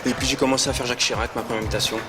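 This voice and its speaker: A man's voice: mid-range voice, steady tone, racing, music in the background. A young man chatting shyly as an impressionist contestant on a TV talent show. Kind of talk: casual chat.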